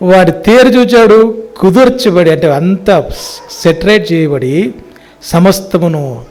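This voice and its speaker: A man from India preaching a sermon in a prayer hall, speaking. His voice sits high for a man. He tells the story with a lot of life, speaking as its people, and moves between loud calls and quiet asides. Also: expressive, slow. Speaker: pastor.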